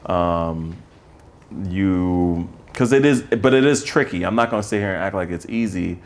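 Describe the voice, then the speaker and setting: A man with a low, unhurried voice, chatting on a relationship podcast. He lays out his thoughts in a relaxed, low-key way, circling back as he talks. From Atlanta, USA. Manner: laid-back, low-key advice giving. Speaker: podcast co-host. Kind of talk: casual chat.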